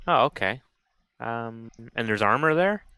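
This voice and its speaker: A man's voice: mid-range voice, lively intonation, a little slow, sharp tone, smooth, dry recording. A man playing a tabletop game, thinking aloud tentatively with fillers. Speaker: player. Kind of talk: casual tabletop game play.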